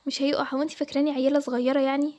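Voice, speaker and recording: A woman's voice: high voice, flat delivery, rapid-fire, mellow, muffled recording, natural voice. A woman voicing the groom's spiteful young sister, snippy and defensive, with an Egyptian accent. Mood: dismissive. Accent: Egyptian Arabic.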